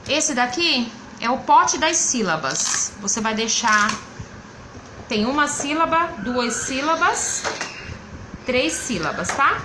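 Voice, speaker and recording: A woman's voice: sits high, lively intonation, takes it slowly, reverberant, background noise. A woman literacy teacher with a Brazilian Portuguese accent, explaining classroom activities step by step. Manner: explains step by step, sometimes acting out prompts to a child. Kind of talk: instructional explanation.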